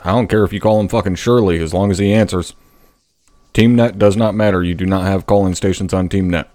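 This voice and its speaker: A man with a blunt, commanding, heavily profane manner, instructing like a gruff military sergeant. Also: low-pitched, fairly even intonation, a little fast, darkish tone, no echo. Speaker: first sergeant leading radio drill training in an online military game.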